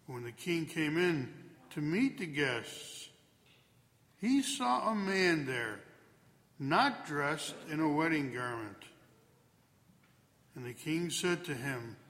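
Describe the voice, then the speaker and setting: A man solemnly proclaiming scripture at a church service in a measured, declamatory way, with cathedral echo around his voice. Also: fairly high pitch, a bit bright. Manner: measured, declamatory, with rising and falling cadence. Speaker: clergyman proclaiming the Gospel at Mass. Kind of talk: solemn liturgical scripture reading. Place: large reverberant church.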